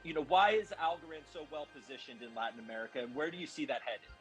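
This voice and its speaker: A man moderates an online panel and puts questions to a guest. His voice sits a little higher than usual for a man. He speaks politely and haltingly, with many fillers and restarts. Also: a bit bright, faint music behind, rough recording.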